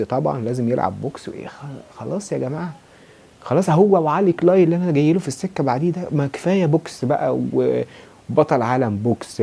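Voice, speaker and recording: Fast-ranting Egyptian man reviewing TV. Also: medium pitch, warm tone, husky. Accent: Egyptian Arabic. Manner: exasperated, sarcastic, colloquial. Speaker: TV series reviewer.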